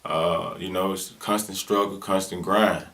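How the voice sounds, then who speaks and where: A Birmingham, Alabama rapper in his twenties has a low, gravelly, fairly bright voice, holding a steady tone and an unhurried pace. With a Southern US accent, he answers interview questions in easygoing slang, filler words throughout.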